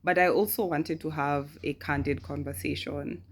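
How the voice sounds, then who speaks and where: A woman's voice: low voice, fairly even intonation, normal speed. A young woman chatting casually to camera in a vlog, talkative and laughing often. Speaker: vlogger. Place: friend's room indoors.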